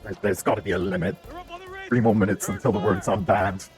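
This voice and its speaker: A man's voice: sits low, fairly even intonation, brisk, darkish tone, faint music behind. A British man streaming a war video game live, joking and chatting with his viewers as he plays. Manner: joking, chatty, reads chat aloud.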